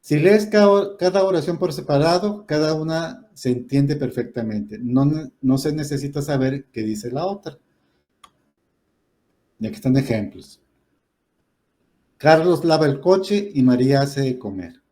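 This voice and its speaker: A man's voice: fairly high pitch, animated, a little slow, dark tone. A man teaching a grammar lesson, explaining patiently and often checking in with "¿verdad?". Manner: patient, explanatory, many "este" fillers and rhetorical "¿verdad?".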